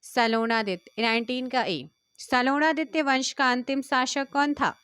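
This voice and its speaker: A woman teacher with an Indian Hindi accent, running a quick quiz-style exam prep lesson, reading questions and answers and urging viewers to comment. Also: high-pitched, fairly bright tone, smooth, no echo, clean studio sound. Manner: brisk, quizzing viewers and urging them to comment.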